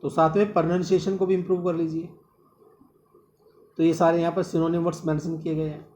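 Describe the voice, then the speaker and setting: High-voiced man teaching vocabulary. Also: little pitch movement, brisk, a little mellow. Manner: repeats words often and calls the students "my dear". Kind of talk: exam-prep vocabulary lesson.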